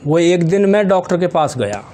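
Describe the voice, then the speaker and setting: A man's voice: high voice, very animated, dark tone. A man, telling jokes in a casual storytelling way and acting out his characters' lines. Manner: storytelling, quick acted quotes of characters.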